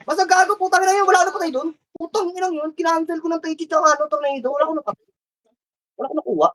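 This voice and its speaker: A woman's voice: very high voice, racing, a bit bright. A woman calling out commands to her team during an online game, firing off repeated orders and counts with lots of swearing. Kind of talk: live gaming voice chat callouts.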